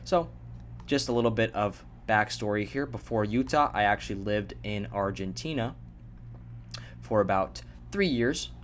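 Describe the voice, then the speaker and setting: A young man from Japan tells his own story in a loose, rambling vlog, full of fillers and the occasional swear word. His voice is lowish at normal speed, with slight background noise.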